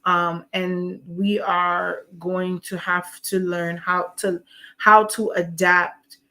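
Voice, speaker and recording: Slow-talking woman podcast host. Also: on the low side, flat delivery, bright, forceful tone. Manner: slow, reflective, religious talk. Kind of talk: casual chat.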